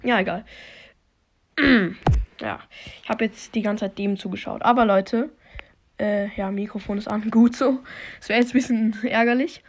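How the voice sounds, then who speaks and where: A woman hosting a podcast while playing a video game, commenting casually and swearing, recorded on a low-quality phone microphone. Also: moderate pace, long pauses. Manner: slangy, swears, talks to herself and her listeners.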